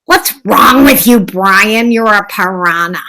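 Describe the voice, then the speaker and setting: A woman's voice: medium pitch, slow pace, bright, forceful tone, poor audio. A woman reading aloud and voicing a group of grumpy piranhas who insist on what they eat. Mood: exasperated. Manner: exasperated, insistent.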